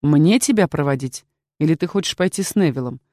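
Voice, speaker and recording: A woman voicing a male castle guard chief who speaks quietly and confidently, with a cold edge. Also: sits low, animated, fairly quick, no room sound, clean studio sound. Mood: concerned. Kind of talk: audiobook character voice.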